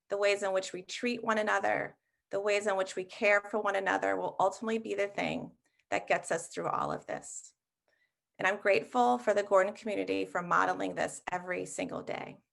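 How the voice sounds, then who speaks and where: Woman head of school giving an assembly talk from home, gravelly voice, steady pace. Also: medium pitch. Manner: measured, warm listing to students.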